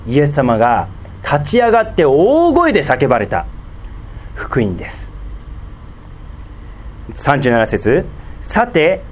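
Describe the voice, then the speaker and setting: A man preaching a sermon as a pastor, teaching slowly and deliberately with many fillers and sudden emphatic rises. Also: a little high.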